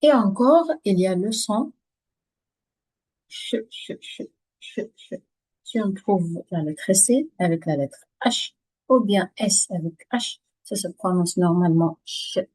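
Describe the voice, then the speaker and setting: A woman teaching French pronunciation in a slow, deliberate way, saying each example word twice. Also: medium pitch, expressive, warm tone, husky, low-quality recording.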